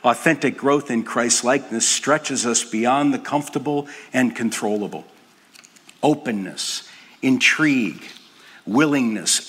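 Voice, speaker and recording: An older man preaching a sermon, earnest and dropping to a soft hush for emphasis. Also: mid-range voice, breathy edge. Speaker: pastor. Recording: long hall reverb.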